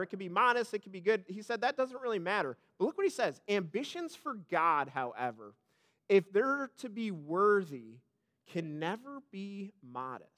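A male pastor preaching a sermon, swinging between loud bursts and hushed low lines, calling out to the congregation and tossing in playful asides. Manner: calls out to the congregation for response.

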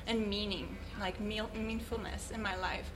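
A woman's voice: medium pitch, steady tone, normal speed, background noise. A woman, a guest on an interview show, earnestly reflecting on her life and now and then searching for words. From Switzerland. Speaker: guest, yoga teacher. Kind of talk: reflective personal storytelling.

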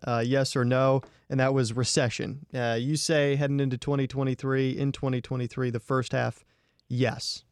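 Radio interviewer guy, smooth clear voice, dead dry studio sound. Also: medium pitch, little pitch movement, moderate pace, dry recording. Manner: direct, plain questions.

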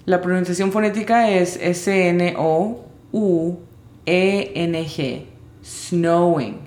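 A woman teaching English vocabulary in Spanish, spelling out each word's sounds slowly and carefully. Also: on the low side, darkish tone, reverberant. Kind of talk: vocabulary lesson.

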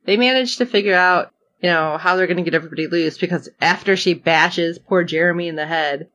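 A woman's voice: on the low side, a little fast, fairly bright tone, muffled recording. A woman co-hosting a podcast, recapping a TV episode in casual chat and acting out her own reactions. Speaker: podcast co-host.

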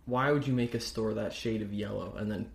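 A man co-hosting a podcast with his brother, teasing and making quick jokes. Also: on the low side, steady tone, gravelly, echoey room, a little hiss or hum. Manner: teasing, wisecracking. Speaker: podcast co-host. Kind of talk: casual chat.

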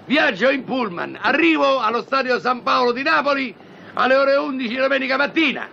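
An actor playing a loud, bossy football-fan father who organizes the bar's supporters, talking with a Roman accent in hectoring rhetorical questions. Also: very high voice, lively intonation, brisk, gravelly, a little hiss or hum, exaggerated voice. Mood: blustering. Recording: dull lo-fi film soundtrack.

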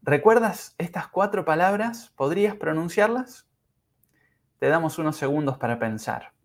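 A man teaching English pronunciation in a podcast lesson, speaking carefully and demonstrating sounds slowly. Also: a little high, lively intonation. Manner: slow, careful, exaggerated pronunciation drills.

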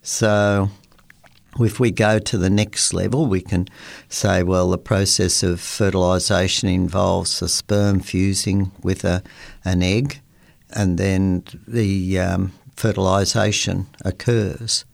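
An older male radio host talks through a scientific topic at an unhurried, halting pace, stopping often to restart his sentences. His voice is deep and heavily gravelly. The recording is close and dry, with no room sound. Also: flat delivery, no room sound. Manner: slow and halting, many fillers and restarts. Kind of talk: unscripted talk about science and faith.

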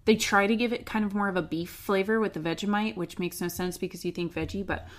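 A chatty woman co-hosting a relaxed podcast conversation, laughing easily between points. She talks at an everyday middle pitch and explains things in a loose, conversational way. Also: fast. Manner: laughs often, chatty and joking; explains food history from notes. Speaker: podcast co-host. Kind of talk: casual chat.

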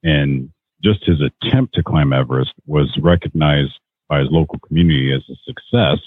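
Deep, husky man on a call. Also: moderate pace, no room sound. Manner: earnest, exhorting. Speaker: podcast host. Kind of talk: motivational podcast talk. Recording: tinny phone-like call audio.

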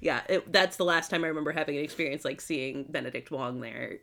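A woman in casual film chat, expressive and quick to laugh. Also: low voice, gravelly.

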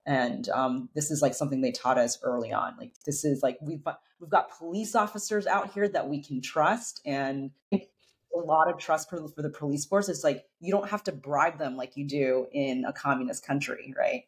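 A woman hosting a business podcast, upbeat and curious, asking her guest questions in quick runs. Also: deep voice. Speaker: podcast host. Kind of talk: podcast interview.

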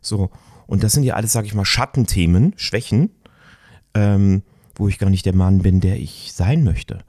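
A middle-aged man speaks in a reflective, searching way, often pausing on fillers as he thinks aloud. His voice sits a little low and sounds mellow. The recording is dry and close. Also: dry recording. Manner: thoughtful, searching, with many fillers. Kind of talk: reflective conversation.

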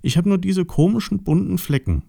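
A man's voice: sits high, lively intonation, brisk, gravelly, mellow, no echo, studio quality, pitched above the performer's own voice. A man voicing a small, shy, colorful piglet in a storybook, with a timid, childlike and wistful manner. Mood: sad. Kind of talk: storybook voice acting.

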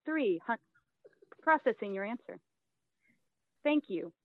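Give me a dry, tinny robot phone-menu voice from a woman doing the impression, flat and formal. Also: fairly high pitch, slow, no echo. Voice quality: flat, formal, clipped announcer prompts. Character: female automated phone-system robot voice, formal. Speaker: caller.

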